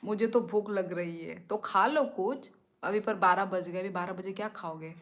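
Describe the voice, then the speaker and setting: A woman's voice: mid-range voice, moderate pace. A young woman hosting a live stream, chatting casually and teasingly with viewers as she reads their comments, laughing often. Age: young adult.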